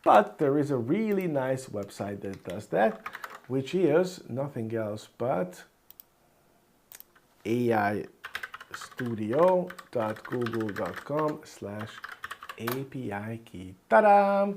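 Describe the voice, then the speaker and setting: Speaking slowly in a sing-song way, a man with a darkish mid-range voice, whose first language is Hungarian, thinks aloud while typing through a casual screencast programming tutorial. Keyboard clicks and mouse clicks are clearly present behind his speech.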